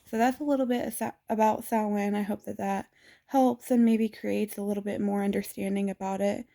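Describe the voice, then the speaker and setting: A woman vlogger giving a casual spoken explainer, hesitant and pausing often with fillers. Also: mid-range voice, steady tone, vocal fry, mellow. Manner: hesitant, frequent filler pauses.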